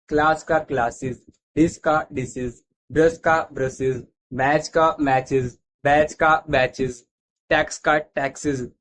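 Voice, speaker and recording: In a slightly high voice, a man teaches an English grammar class, reading each word list aloud repeatedly and checking comprehension with "theek hai." His voice sometimes drifts as he steps away from the mic toward the board. A little hiss or hum runs in the background.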